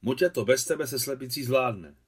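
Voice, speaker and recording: A man's voice: medium pitch, husky, natural voice. A man reading aloud who voices a firm, caring village aunt who gives orders. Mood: bossy. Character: brisk warm-hearted village aunt, woman.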